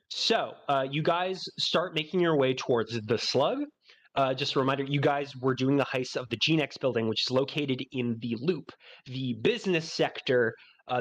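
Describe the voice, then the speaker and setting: A man narrating as game master of a tabletop role-playing game, rambling with many fillers and restarts. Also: medium pitch.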